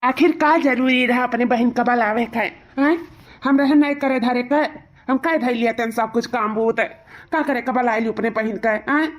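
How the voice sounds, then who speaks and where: A woman's voice: fairly high pitch, steady tone, normal speed, lightly acted. A woman voicing a fussy young husband with a Bhojpuri accent. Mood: grumbling. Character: young husband, caring and bossy, office-goer.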